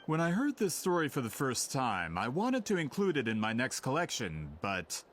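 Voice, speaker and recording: An actor voices a pushy male author in a video game, a self-assured, somewhat impatient man chasing a story and pressing to get what he wants. His medium-pitched voice swings hugely in pitch at normal speed, sounding a bit bright, with a little hiss or hum.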